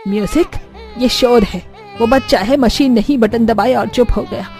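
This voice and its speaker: A woman's voice: fairly high pitch, moderate pace, darkish tone, soft background music, close to an everyday voice. A woman voicing a devout older mother-in-law in a cartoon, indignant and scolding. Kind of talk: animated cartoon voice acting.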